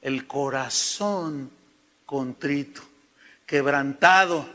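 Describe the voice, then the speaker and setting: A man's voice: medium pitch, very slow, bright, forceful tone, long reverb tail. A man with a Mexican Spanish accent preaching a sermon, telling folksy stories and calling listeners "hermano". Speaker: pastor.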